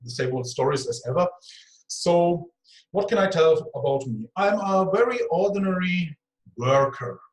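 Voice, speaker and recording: A man in his forties, a guest in an interview, who talks slowly and searches for words, often stopping to correct himself. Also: high-pitched, animated, slight background noise. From Germany. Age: 40s. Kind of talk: slow, halting conversation. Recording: echoey room.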